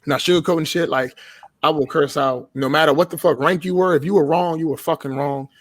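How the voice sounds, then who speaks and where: Man, 30s, podcast guest, fast, blunt, profane, dry close sound. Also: on the high side, steady tone, no room sound. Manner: blunt and profane, laughs while telling stories. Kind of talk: casual storytelling.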